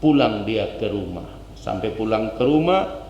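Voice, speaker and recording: Guy preaching in a mosque, lively storytelling, big echoey hall, faint hum. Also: on the low side, unhurried, highs cut off. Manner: animated storytelling, direct address. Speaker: ustadz giving a dawn study at a mosque. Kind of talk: sermon.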